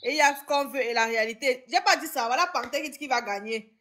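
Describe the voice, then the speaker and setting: A woman hosting a live stream, talking casually with animated, dramatic exclamations. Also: sits high, fast, a crowd in the background.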